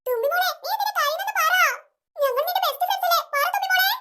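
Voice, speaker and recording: A woman voicing a caring little girl heroine who gently coaxes her crying friend in a cartoon serial. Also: very high-pitched, expressive, very fast, a little hiss or hum, pitched above the performer's own voice, exaggerated voice. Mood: coaxing. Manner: coaxing and gentle.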